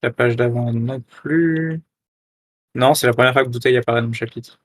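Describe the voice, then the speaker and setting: A man co-hosting a casual podcast chat, calm and low-key with a deadpan manner. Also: moderate pace, no room sound, studio quality. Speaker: podcast co-host.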